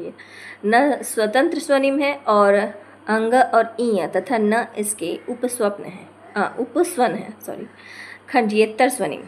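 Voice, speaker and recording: A woman teaching a lesson, reading from notes, slowing to spell out example words and correcting herself as she goes. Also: medium pitch, slight background noise. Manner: corrects herself mid-phrase.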